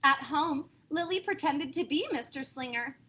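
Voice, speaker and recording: An American woman reading picture books aloud to children in an expressive, dramatic way, stepping aside to talk to her listeners. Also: high-pitched, normal speed. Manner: expressive, dramatic emphasis, asks listeners questions. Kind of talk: animated read-aloud storytelling for young children, with asides.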